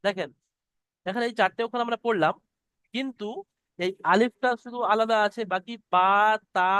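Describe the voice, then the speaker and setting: A man teaching the Arabic alphabet in an online class, patiently sounding out each letter slowly and explaining how to pronounce it. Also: high-pitched, fairly bright tone, dry recording, studio quality. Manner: slow, patient, drawn-out letter demonstrations. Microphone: computer mic on a video call.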